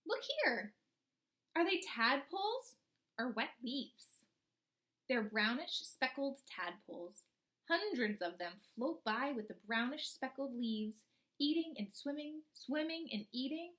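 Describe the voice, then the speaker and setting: Reading a children's picture book aloud in a teacherly way, a woman speaks expressively and often stops to ask young listeners guiding questions. Her voice is high-pitched, expressive, and fairly bright.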